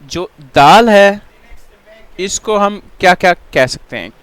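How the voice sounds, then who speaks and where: A man teaching tajweed in an online Quran reading lesson, drawing out letter sounds slowly and often checking that students follow. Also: sits high, lively intonation, a bit bright, clean tone, no echo. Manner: slow drawn-out letter drills with frequent check-ins.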